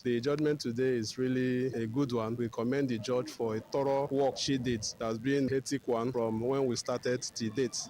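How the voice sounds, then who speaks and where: A man with a Nigerian accent giving a press statement as a prosecution lawyer. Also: medium pitch. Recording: noisy field recording with ambience.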